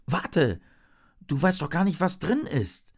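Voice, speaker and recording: A storyteller voicing a brave young schoolgirl who talks in a soft, earnest way. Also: mid-range voice, big pitch swings, takes it slowly, breathy edge, pitched above the performer's own voice, full character voice.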